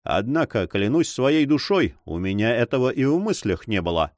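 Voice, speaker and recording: A man's voice: mid-range voice, very animated, moderate pace, dry recording, natural voice. A man reading an audiobook, voicing a cold, mocking nobleman who speaks with irony and haughtiness. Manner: ironic and haughty.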